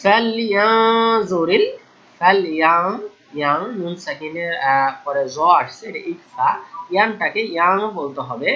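A man from Bangladesh teaching tajweed, chanting verses slowly and then explaining the rules in quick, plain speech. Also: a little high, pushed and bright, lo-fi sound. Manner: alternates slow drawn-out recitation with quick explanations. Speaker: Quran teacher. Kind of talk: tajweed recitation lesson.

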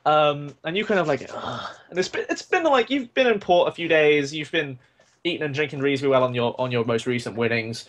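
A man's voice: on the high side, expressive, fast. A young man narrating a tabletop game as game master, in a loose, rambling way with lots of fillers.

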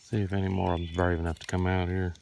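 A fishing vlogger gives relaxed commentary while fishing a creek, chuckling as he talks to viewers through a handheld point-of-view camera. His voice is deep, fast and gravelly. The outdoor camera audio carries crickets and insect noise.

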